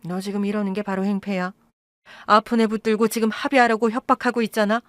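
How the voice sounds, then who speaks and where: A woman voicing a calm, protective adult son who speaks low and steady, in an audio drama. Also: quick pace, no room sound, lightly acted. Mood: firm. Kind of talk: Korean audio-drama acting.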